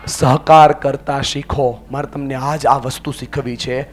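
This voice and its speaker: A man giving a motivational speech to a live audience, energetic and calling out to the crowd for answers and chants. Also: mid-range voice, a little slow, a little hiss or hum. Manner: leads the audience in loud chants. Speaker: motivational speaker. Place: large event hall with an audience.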